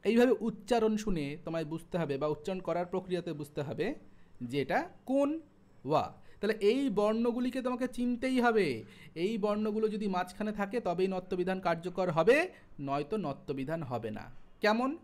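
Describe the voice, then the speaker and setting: A young man with a high voice and a West Bengal Bengali accent leads an online exam-prep lesson. He talks in a chatty way, spells sounds out slowly, and drifts into asides. He is close to a single mic. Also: animated, darkish tone. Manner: chatty teacher, asides and everyday examples, drawn-out spelling of sounds. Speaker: Sanskrit exam tutor.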